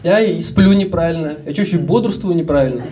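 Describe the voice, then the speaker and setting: Young Russian stand-up comedian, distant stage mic. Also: male voice, on the high side, fast, dark tone, slight background noise. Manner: casual storytelling, acts out voices of others. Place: live comedy show with audience.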